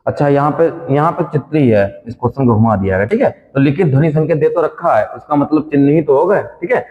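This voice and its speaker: A man with a slightly high voice runs a quiz-style exam revision lesson. He reads each question with its options aloud, repeats it, then gives the answer. The recording sounds dull, with a long hall reverb. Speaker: exam coaching teacher.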